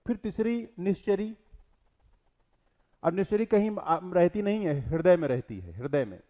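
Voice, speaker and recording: A male teacher giving an exam-prep lecture on scripture, asking rhetorical questions and quoting verses, his voice swinging between loud and soft. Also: sits high, expressive, a little slow, dull audio.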